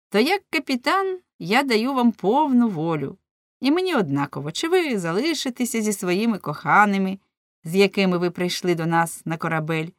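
A woman voicing a bold, merry male rebel sea captain in an audiobook, speaking in a rousing, declamatory way, higher and louder than her narration. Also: no room sound, clean studio sound, natural voice.

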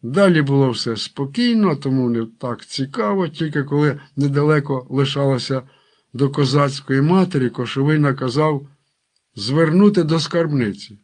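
A man reading a story aloud in an unhurried narrating voice, lightly voicing the characters in their dialogue. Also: mid-range voice, darkish tone. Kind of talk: audiobook narration with character quotes.

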